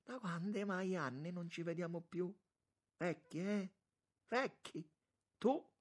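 Man putting on a jovial old bishop, gushing, exclamatory, high-pitched, husky. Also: takes it slowly. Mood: teasing. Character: jovial effusive elderly male bishop.

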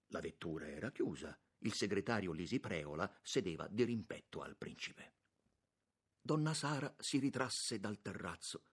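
A man reading a literary novel aloud in a measured, expressive narration. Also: low voice, husky. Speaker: audiobook narrator.

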